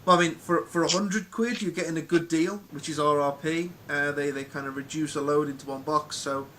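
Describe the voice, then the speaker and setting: A podcast host, a man with a fairly high, bright and forceful voice, is running a casual live chat. He talks fairly quickly with fairly even intonation, rambling along with lots of ums and restarts, and there's slight background noise.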